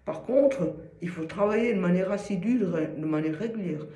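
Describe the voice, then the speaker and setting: A man's voice: high-pitched, brisk, dark tone, reverberant, low-quality recording. A man giving an informal singing lesson to one student, explaining patiently with everyday comparisons. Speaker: singing teacher.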